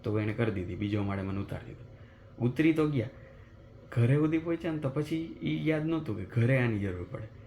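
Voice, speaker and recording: A man, telling a story as a vlogger in a chatty, animated way, recorded in his apartment at night. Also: medium pitch, fairly quick, a little hiss or hum. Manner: animated retelling of a mishap, chatty and conversational. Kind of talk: casual vlog storytelling.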